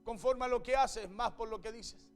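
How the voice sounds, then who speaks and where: A man preaching a sermon and reading scripture aloud. He speaks with fervor, repeats his phrases and breaks in with a quick "hey". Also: very high-pitched, vocal fry, faint music behind.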